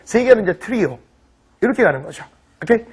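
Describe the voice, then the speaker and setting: A middle-aged man teaching an online vocabulary lecture in an animated, teasing way, often checking that students follow. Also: sits high, brisk, breathy edge. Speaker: English teacher.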